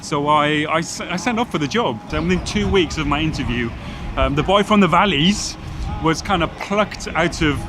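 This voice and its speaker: With music and street noise in the background, a middle-aged man from Wales chats about his fashion stylist work on a city street while someone records him on a phone. His slightly high voice has lively intonation and a moderate pace, his Welsh accent touched by Geordie, his manner casual and confident.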